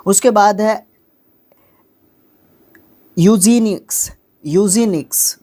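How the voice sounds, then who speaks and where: A man with a slightly high, a little mellow voice gives an English vocabulary lesson. He explains patiently with constant tag questions to check in with listeners at each step, sounding out hard words syllable by syllable.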